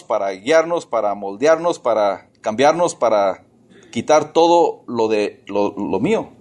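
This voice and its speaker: A man's voice: medium pitch, darkish tone. A man preaching a conversational sermon as pastor. He addresses the congregation directly, asks rhetorical questions and acts out the voices of complaining people.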